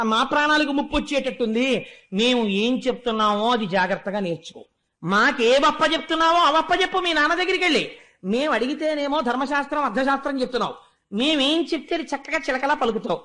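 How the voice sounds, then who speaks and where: A man's voice: very high-pitched, bright, forceful tone. A man playing anxious teachers scolding a boy. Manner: scolding, hurried.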